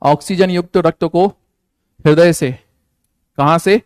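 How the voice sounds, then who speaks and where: A man's voice: fairly high pitch, fairly even intonation, unhurried, a little mellow, clear, resonant tone, no room sound. A man teaching a live online class, coaxing students with repeated questions and playful jokes.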